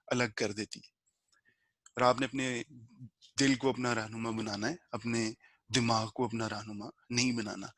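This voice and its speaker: A man explaining a book of spiritual rules step by step in a relaxed, conversational teaching style, slipping English words into his talk. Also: mid-range voice, dry recording. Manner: slow measured recitation of a prayer verse. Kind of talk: informal spiritual lesson.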